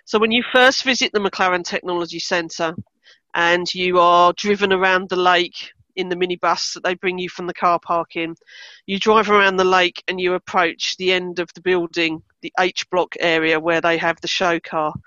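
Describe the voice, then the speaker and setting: A woman's voice: on the low side, fairly even intonation, normal speed, bright, forceful tone, dry recording, lo-fi sound. A woman with an Essex English accent chatting casually on a podcast as a Formula One fan. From Essex, England.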